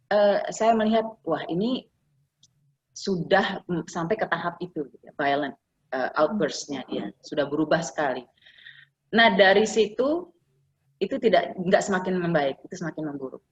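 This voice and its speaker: Female interview guest in her forties, animated storyteller, lo-fi call audio. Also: fairly low pitch, normal speed, pauses often. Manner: animated storytelling, acting out quoted voices. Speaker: guest sharing caregiving experience. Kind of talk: conversational interview. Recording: slightly dull, lo-fi call audio.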